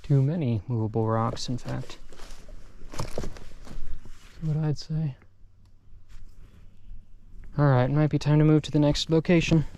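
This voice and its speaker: A man's voice: fairly high pitch, fairly even intonation, measured pace, pauses often, dark tone. A man hosting a wildlife vlog outdoors, commenting casually and admiringly, half to himself and half to the animals. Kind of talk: casual field commentary with some narration. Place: outdoors on wooded, rocky hillsides.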